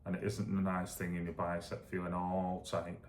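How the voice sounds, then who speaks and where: Deep, gravelly man, rambling. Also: monotone, moderate pace, a little mellow, a little hiss or hum. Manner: self-deprecating, rambling, thinking aloud. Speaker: vlogger. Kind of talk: casual chat to camera while demonstrating exercises. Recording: echoey room.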